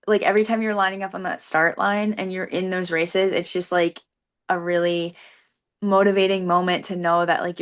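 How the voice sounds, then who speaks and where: A young woman runner talking earnestly in a casual interview, peppering her sentences with "like". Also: lowish voice. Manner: earnest, frequent "like" as filler. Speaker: competitive runner being interviewed.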